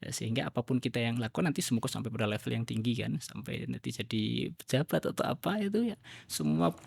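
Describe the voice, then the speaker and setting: A male religious teacher with a gravelly, husky voice talks through his ideas as a podcast guest. He explains in an animated way and often raises his voice. The sound is dry and close. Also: mid-range voice, quick pace, no echo. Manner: animated, acts out quoted dialogue in a raised voice. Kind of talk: podcast conversation.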